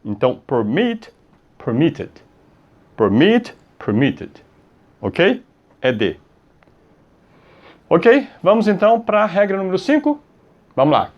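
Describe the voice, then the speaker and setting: A Brazilian man teaching grammar, his somewhat high voice swooping up and down as he goes. He slows down on each example word, says it twice, and tosses in quick checks to keep the class with him. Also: very animated, lo-fi sound. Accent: Brazilian Portuguese. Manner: drawn-out model words, repeated checks like "tá?" and "ok?". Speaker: English teacher. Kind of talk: explaining grammar rules on a video lesson.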